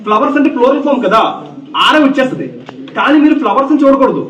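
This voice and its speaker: High-voiced male teacher quizzing a class. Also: fast talker, a bit bright, a little hiss or hum. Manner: repeats key points and quizzes students with questions. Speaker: English grammar teacher. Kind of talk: classroom grammar lesson. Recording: echoey, distant, dull classroom recording.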